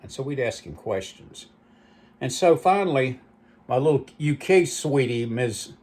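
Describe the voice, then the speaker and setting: A man's voice: medium pitch, expressive, measured pace, a little mellow. A man hosting his own channel, telling rambling, nostalgic stories with lots of asides. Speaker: channel host. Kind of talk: rambling reminiscing monologue.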